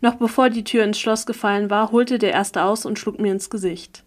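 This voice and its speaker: A woman reading a first-person story aloud as an audiobook narrator, with an even, steady delivery. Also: mid-range voice, moderate pace. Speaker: audiobook reader.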